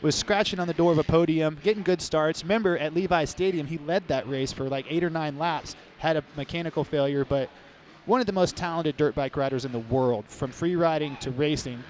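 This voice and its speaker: A man hosting live race commentary, talking quickly in a chatty, upbeat way from an outdoor stadium. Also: a little high, darkish tone, a little hiss or hum. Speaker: host.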